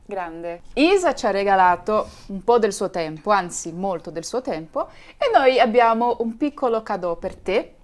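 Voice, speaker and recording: A woman's voice: medium pitch, expressive, normal speed, few pauses. A woman, hosting a conversational interview in a room at home. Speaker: TV interviewer, host. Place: small furnished room at home, indoors.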